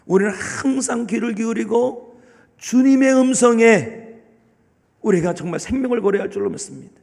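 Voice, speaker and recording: High gravelly-voiced male pastor preaching. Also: moderate pace. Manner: emphatic repetitive preaching, swinging from loud to hushed. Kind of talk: sermon. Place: church sanctuary. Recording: long hall reverb of a church.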